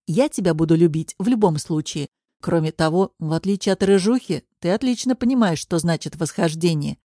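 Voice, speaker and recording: A woman reading the part of a gentle, coaxing husband turning forty in an audiobook. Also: fairly low pitch, a little fast, no echo, clean studio sound, lightly acted.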